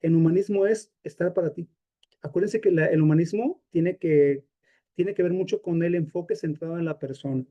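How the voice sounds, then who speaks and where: A man's voice: fairly high pitch, moderate pace, dark tone, dull audio. A man with a Mexican accent teaching a live workshop on grief, talking in a conversational way with many fillers and personal examples. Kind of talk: live masterclass lecture.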